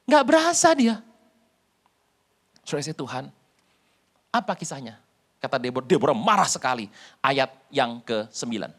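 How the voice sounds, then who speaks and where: Animated male pastor telling stories. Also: medium pitch, moderate pace, long pauses. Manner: lively storytelling, joking. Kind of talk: sermon.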